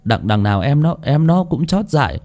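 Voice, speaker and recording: A man's voice: fairly high pitch, big pitch swings, normal speed, a little mellow, pitched above the performer's own voice. A man voicing an anxious young man who stammers while trying to soothe his family.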